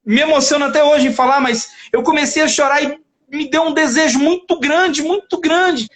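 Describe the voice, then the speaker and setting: A man's voice: very high voice, moderate pace, a crowd in the background. A man giving a faith testimony as a guest in a live conversation, telling his story with animation, acting out the dialogue and laughing often.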